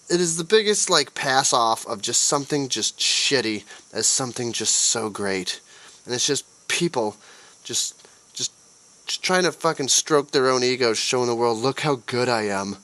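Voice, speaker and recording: A man's voice: mid-range voice, animated, unhurried, pushed and bright. A young man hosting a solo podcast, ranting sarcastically with lots of profanity. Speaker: podcast host.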